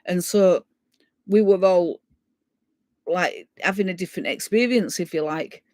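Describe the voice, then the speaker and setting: A woman tells a ghost story in a casual way, often clearing her throat and acting out the voices of the people she quotes. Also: lowish voice, a little slow, darkish tone, no echo. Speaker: guest storyteller.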